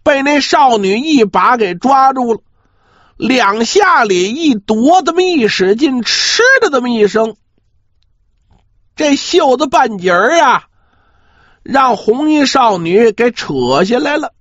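Slow, animated male pingshu storyteller. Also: very high voice. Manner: drawn-out particles, rhetorical asides to listeners. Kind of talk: dramatic traditional pingshu storytelling. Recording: roomy, slightly dull audio.

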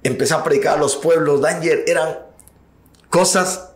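A man's voice: a little high, normal speed, roomy sound. Emotional preacher telling his testimony. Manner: emotional, rising to near shouts. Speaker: evangelist guest. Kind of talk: testimony storytelling.

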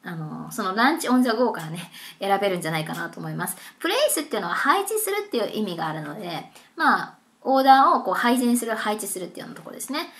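Lively, bright-voiced woman tutor. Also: medium pitch. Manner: chatty, mixes Japanese and slowly read English. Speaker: English test tutor. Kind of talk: casual explanatory lesson.

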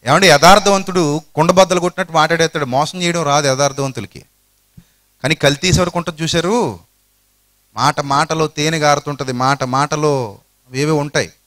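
Male pastor, lively storytelling sermon, bright and forceful voice, a bit high. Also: fairly quick, pauses often. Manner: animated storytelling, rhetorical questions.

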